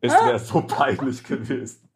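A young man with a husky, slightly rough voice tells a story on a casual podcast. He talks in loose slang and keeps the anecdote lively with plenty of restarts and asides. His pitch sits in an ordinary middle range. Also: measured pace. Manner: slangy, animated anecdote telling. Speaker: podcast co-host.

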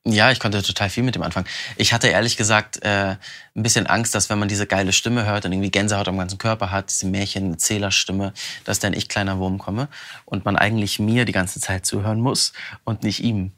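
A man, a voice actor, chatting animatedly in an interview, talking in quick bursts and often laughing. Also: on the low side, flat delivery, bright, forceful tone. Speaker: voice actor interviewed about his audiobook. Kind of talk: casual interview answers.

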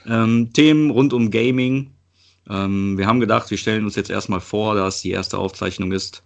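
A man's voice: lowish voice, fairly even intonation, normal speed, gravelly. A man in his late twenties who hosts a casual podcast chat and puts questions to his co-hosts. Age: 20s. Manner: moderating, asks the others questions. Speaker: podcast host.

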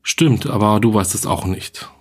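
A man voicing a calm, matter-of-fact girl with a morbid streak. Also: on the low side, a little slow, husky.

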